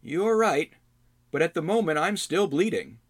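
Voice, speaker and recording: Man doing an eager young bard, raised and earnest, a bit louder than his narration. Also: fairly high pitch, very animated, unhurried, voice pushed up.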